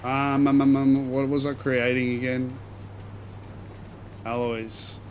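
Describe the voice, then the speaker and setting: A man's voice: medium pitch, flat delivery, takes it slowly. Kiwi man streaming, noisy background. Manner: slangy, rambling, thinking aloud. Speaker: game streamer. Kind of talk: casual live gameplay commentary.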